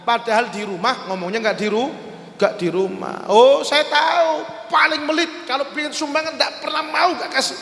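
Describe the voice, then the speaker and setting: A man with an East Javanese accent delivers a storytelling sermon in a high voice, swinging his delivery as he acts out the people in his tale. He speaks into a clip-on mic, and his voice rings through an echoey hall with a long reverb tail. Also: moderate pace, creaky, a bit bright. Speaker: preacher. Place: religious gathering hall. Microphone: lavalier clip-on mic.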